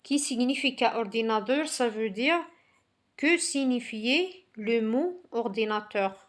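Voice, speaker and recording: A woman teaching Spanish, reading vocabulary slowly one word at a time and explaining in French. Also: on the high side, expressive. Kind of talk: slow classroom vocabulary reading.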